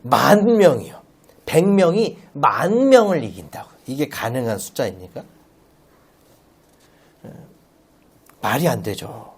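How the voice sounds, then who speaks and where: Animated man preaching a Sunday sermon. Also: medium pitch, takes it slowly, long pauses, slightly rough. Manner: animated, asks the congregation rhetorical questions; playful, uses everyday comparisons. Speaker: lay preacher.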